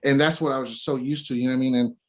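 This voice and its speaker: A man's voice: mid-range voice, steady tone, rapid-fire. A man hosting a casual interview, talking in a laid-back way with lots of slang fillers. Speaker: interview host.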